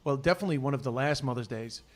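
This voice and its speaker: A man in his forties, a comedian hosting a podcast, telling stories in quick, chatty casual talk. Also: mid-range voice. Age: 40s.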